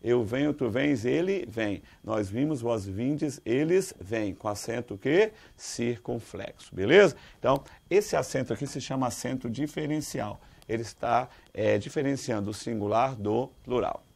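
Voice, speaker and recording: Brazilian male teacher with a gravelly, creaky voice, quizzing students as he explains. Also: mid-range voice, normal speed, few pauses. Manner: lively, quizzes listeners with rhetorical questions; calls students "dear". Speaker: Portuguese teacher. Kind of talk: exam-prep grammar lesson.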